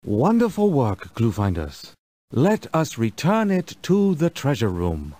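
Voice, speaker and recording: In a children's educational game, a man voices a kindly, dignified village elder who speaks formally and patiently. His mid-range, warm voice swings hugely in pitch, with no room sound at all. The mood is gentle and solemn, the delivery measured and ceremonious.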